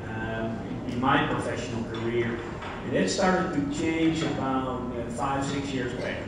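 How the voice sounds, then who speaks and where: A Dutch conference speaker from the Netherlands, mid-range in pitch and measured in pace, gives a keynote in a large hall. He's chatty and directs questions at the crowd. The hall is very echoey, the mic is well off, and background noise comes through.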